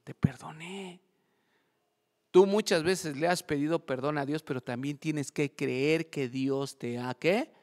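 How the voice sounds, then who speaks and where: Male pastor, higher-pitched, call-and-response preaching, long church-hall reverb. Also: a little slow, few pauses, a little mellow. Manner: quizzes the congregation with call-and-response questions. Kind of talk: sermon. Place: church service.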